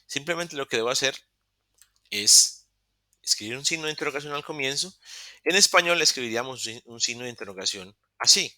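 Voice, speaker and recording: A man teaching an online beginner English class in Spanish, explaining slowly, checking in with "ok?" and often correcting himself mid-sentence. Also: mid-range voice, expressive, pushed and bright, no echo. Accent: Latin American Spanish. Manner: patient, explaining step by step with frequent "ok?" checks; self-correcting, restarts mid-word. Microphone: computer mic in a virtual session.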